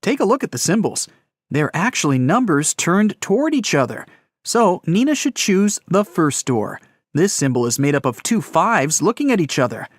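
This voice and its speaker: Male narrator for riddle stories, slightly high voice, very animated delivery. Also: normal speed, dry recording, studio quality.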